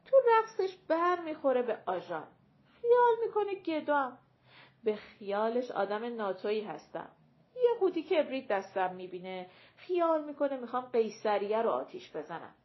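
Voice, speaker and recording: A woman voicing a quarrelsome, mocking male clown of folk comic theater in an audiobook, talking loud and sing-song. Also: on the high side, big pitch swings, muffled recording.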